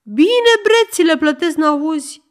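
Woman putting on a wailing old merchant man. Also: animated. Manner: wailing, shrill, loud.

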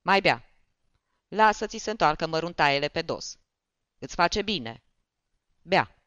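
Narrator barking as a menacing brute barber. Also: male voice, fairly high pitch, very animated, sharp tone, no echo. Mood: commanding. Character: brutal barber, gruff, loud and threatening. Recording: dull, dry.

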